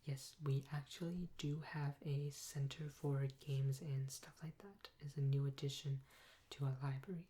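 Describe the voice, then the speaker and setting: An ASMR performer role-plays a helpful, patient female librarian serving a patron, speaking softly, breathily, and gently into a close binaural mic with clear hiss. Her very deep voice stays steady, and her customer-service manner is unhurried, with pauses.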